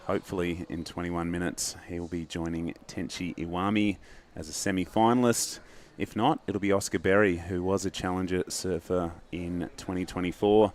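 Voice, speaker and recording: A man's voice: deep voice, flat delivery, moderate pace. A man anchoring live surfing commentary from the booth. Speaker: surf contest commentator and anchor.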